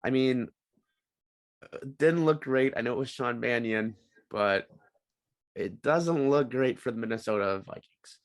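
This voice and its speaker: A young man talking sports in a relaxed podcast chat, voice at an ordinary middle pitch. He fills pauses with ums and laughs easily while giving his picks. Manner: laid-back, frequent ums and laughs. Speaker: podcast co-host.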